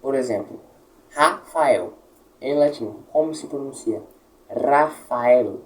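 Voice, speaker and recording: A man's voice: mid-range voice, measured pace, rough recording. A man teaching Latin pronunciation, patiently modelling words and checking with his listeners. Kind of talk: pronunciation lesson.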